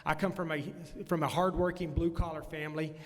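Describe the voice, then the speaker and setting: Casting: Mann, 40er, westtexanischer Akzent, volkstümliche Wahlkampfrede, rasch, Mikro in hallendem Saal. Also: male voice, a little high, level tone, a little fast. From Texas Panhandle. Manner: folksy, frequent "uh" fillers and restarts. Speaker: congressional candidate. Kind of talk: campaign stump speech. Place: meeting room at a candidate forum. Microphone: handheld or podium mic. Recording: long hall reverb from a room PA.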